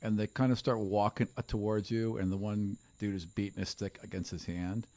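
A man in his thirties narrates as game master in an easygoing way, with lots of fillers, speaking into a stand-mounted studio mic at a desk set. His voice is low, dark and steady, a little fast, and the recording is dry.

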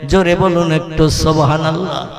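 A man preaching a waz sermon in a high, ringing voice, half singing his lines with rising passion. He calls out to his listeners for responses. A loud crowd fills the space behind him. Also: fairly even intonation, normal speed, creaky. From West Bengal, India. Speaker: Islamic preacher. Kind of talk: sung Bengali waz sermon.

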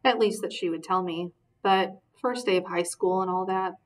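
A woman voicing a tender, caring middle-aged mother who speaks softly and soothingly, recorded a little distant from the mic. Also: lowish voice, normal speed, natural voice.

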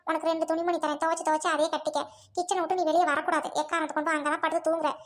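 A woman plays a scornful rich mother-in-law whose voice sits very high. She barks harsh orders in a family drama. She stays bossy and threatening. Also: little pitch movement, racing. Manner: bossy, scolding, harsh commands. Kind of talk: amateur Tamil family drama acting.

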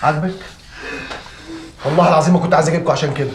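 An actor with an Egyptian accent playing an excitable, whiny young man who flatters officials in a comedy series. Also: rapid-fire, reverberant, close to an everyday voice. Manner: excitable, shrill outbursts, fawning. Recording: noisy background.

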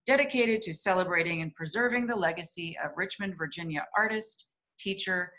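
A woman interviewer reading a guest introduction in a crisp, scripted way. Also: fairly low pitch, sharp tone. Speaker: interviewer, foundation staff.

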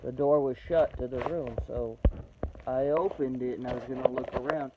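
Young man in his twenties, raw personal testimony, blunt with heavy swearing, dull lo-fi recording with a hiss behind him. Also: fairly even intonation. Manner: blunt, halting, swearing, emotional. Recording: dull low-fi recording with background noise.

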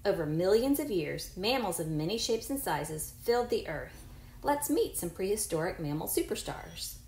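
Her voice leans low and a little mellow, with big pitch swings and a moderate pace. She's a teacher in her forties reading a picture book to young children, encouraging and chatty, with questions for the unseen listeners. The space echoes, with faint background noise.

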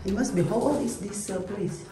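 A woman in her thirties vlogs from a hillside trail into a phone held at arm's length, chatting in a loose mix of two languages. She sounds a little winded from the uphill walk, at a middle pitch. Music runs clearly under her voice. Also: moderate pace. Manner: chatty, mixes two languages, breathless from climbing. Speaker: travel vlogger. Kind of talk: casual vlog chat. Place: outdoors on a mountain trail. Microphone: phone camera at arm's length. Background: background music.

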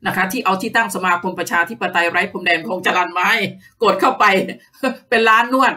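A woman rails sarcastically through her political commentary, padding every phrase with polite particles. Her tone is bright and forceful. She sits some way back from the microphone. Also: medium pitch, moderate pace, distant mic. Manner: sarcastic, scornful, sprinkles polite particles constantly. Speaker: host of a political commentary page.

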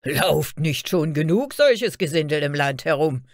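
A woman voicing a group of harsh old male guards who bark loudly and mock. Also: mid-range voice, slow, no echo, clean studio sound, pitched above the performer's own voice, lightly acted. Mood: scornful shouting. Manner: loud, harsh and mocking. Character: gruff shouting old male gate guards.

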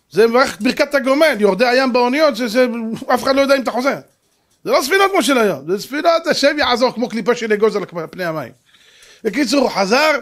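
Middle-aged rabbi man telling a story in a sermon, high voice, very dramatic. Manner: dramatic, swings from hushed to shouting.

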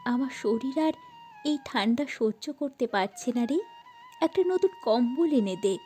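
A woman's voice: a little high, lively intonation, unhurried, faint music behind. A woman doing a frail, meek old mother. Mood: pleading. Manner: gentle, pleading.

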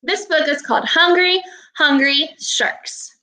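A primary school teacher in her twenties takes things slowly, her high voice forceful as she gives clear instructions and encouragement to young pupils. It's an instructional read-aloud video lesson for children, recorded in a small room at home with a webcam or laptop mic during a video call.

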